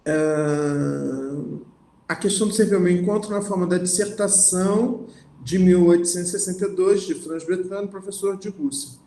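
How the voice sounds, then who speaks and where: A man's voice: high-pitched, moderate pace, vocal fry, dark tone, roomy sound. A man lecturing on philosophy, reading passages aloud and then explaining them, often checking in with the listeners. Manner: reads passages aloud, then comments with frequent "né?" and restarts.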